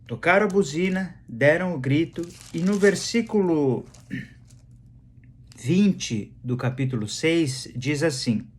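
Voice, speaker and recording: A man's voice: a little high, lively intonation, slow, husky. A man with a Brazilian Portuguese accent preaching a sermon in a conversational way, repeating phrases for emphasis. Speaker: pastor.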